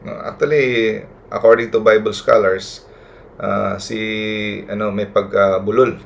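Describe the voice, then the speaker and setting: A man gives a retreat talk, moving back and forth between Tagalog and English. He speaks slowly with a gravelly edge. He keeps checking in with his brothers and sisters through a questioning "no?". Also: fairly low pitch, steady tone, slight background noise. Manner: keeps adding a questioning "no?" to check the listeners follow; addresses listeners as brothers and sisters.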